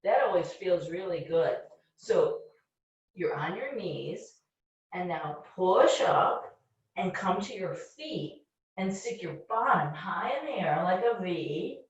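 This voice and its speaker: A woman leading a children's yoga class, giving gentle, encouraging step-by-step instructions. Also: lowish voice, lively intonation, slow. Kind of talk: guiding a kids' yoga class. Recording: distant, very echoey, dull-sounding room recording.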